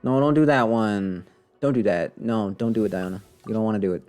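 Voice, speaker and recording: This game streamer grumbles wryly through casual live commentary, talking to himself and to the game. His voice is lowish, a little fast and a bit mellow. Game music plays faintly behind him on the stream.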